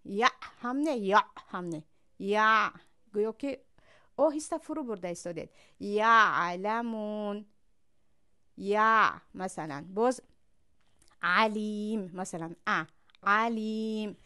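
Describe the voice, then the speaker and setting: Tajik woman demonstrating throat sounds. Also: mid-range voice. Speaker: Quran recitation teacher. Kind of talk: pronunciation lesson.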